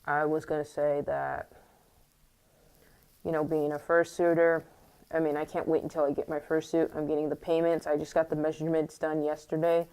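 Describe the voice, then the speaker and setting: A young woman vlogging in a casual, rambling monologue full of fillers and restarts, her voice a little squeaky from the morning and talking through a mask. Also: level tone, normal speed, a little mellow, clear, resonant tone, rough recording. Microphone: wearing a mask.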